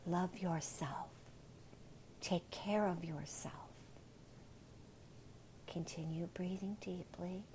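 A woman whispering soothing guided relaxation and gentle affirmations in an unhurried ASMR style. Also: lowish voice, steady tone, a little hiss or hum, low-quality recording.

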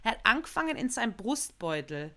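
A woman, co-hosting a casual podcast and telling an animated anecdote full of slang and swearing. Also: a little high, brisk. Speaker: podcast co-host.

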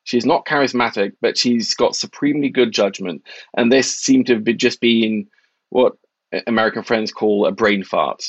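A man from Norway talks markets in an articulate, wry, measured way. His voice sits in the middle range and sounds dry, with a slightly dull, muffled quality to the recording. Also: medium pitch, creaky, slightly rough, no room sound. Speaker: markets journalist guest. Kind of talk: conversational interview.

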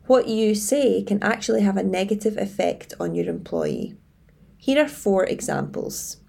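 A woman giving scripted advice as a coach, in a tidy, structured and measured way. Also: mid-range voice, creaky, mellow. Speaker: leadership coach and presenter. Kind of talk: scripted advice presentation to camera.

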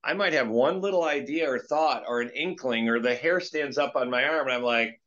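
A man in his late fifties talks earnestly and at length, letting his stories wander as he goes. His voice sits at a middle pitch. The audio is a little muffled, with a dull, lo-fi edge. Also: normal speed. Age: 50s. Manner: earnest, rambling, animated storytelling. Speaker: guest entrepreneur. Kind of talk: casual interview talk.

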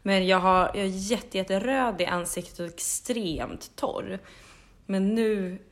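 Chatty swearing woman telling a story. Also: medium pitch. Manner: lively storytelling, quotes others in animated voices; swears casually, laughs often. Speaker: podcast co-host. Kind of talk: casual podcast chat.

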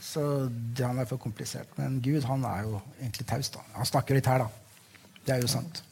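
A man's voice: mid-range voice, fairly even intonation, creaky, a little mellow, slight background noise. A man, a novelist, talking about his own book in a candid, rambling way, swearing now and then. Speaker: novelist being interviewed. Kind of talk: casual conversation.

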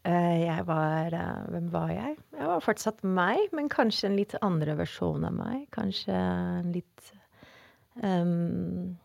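Woman, interview guest, animated storyteller, fillers, gravelly voice, lowish pitch. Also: no room sound. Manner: animated storyteller acting out quotes; frequent fillers and laughter.

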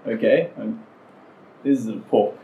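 A man's voice: on the low side, unhurried. A man playing a tabletop game, chatting playfully and speaking earnestly in character. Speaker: player. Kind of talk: casual tabletop game play. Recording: roomy, slightly dull with faint noise.

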